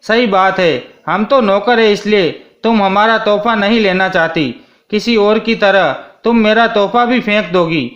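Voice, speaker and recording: A man's voice: high-pitched, a little slow, a bit bright. A man voicing an elderly woman servant who is affectionate and insistent, in a read-aloud storybook. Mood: hurt. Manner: doting, insistent. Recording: dull lo-fi sound.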